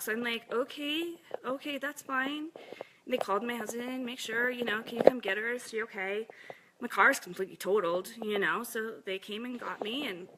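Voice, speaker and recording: Brief: woman in her forties, candid personal testimony, emotional and breathy. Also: on the high side, a bit bright, a little hiss or hum, low-quality recording. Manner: candid and emotional, often dropping to a breathy near-whisper. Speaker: mother sharing her health story.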